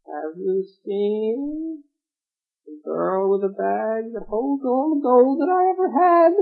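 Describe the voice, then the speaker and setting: A cruel old witch, as a man puts her on for a folk tale told aloud, her voice pitched high and husky. She stretches out her threats slowly and menacingly. The sound is thin and tinny, as if over a phone line. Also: expressive, faint music behind, exaggerated voice. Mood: wheedling. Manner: drawn-out, menacing, cackling delivery.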